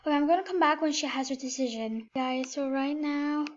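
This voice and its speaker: A high-pitched woman chatters through her gameplay as a casual vlogger, full of excited fillers. Her voice sits well above the usual range. The recording is somewhat dull and lo-fi. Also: fairly quick. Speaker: gaming vlogger.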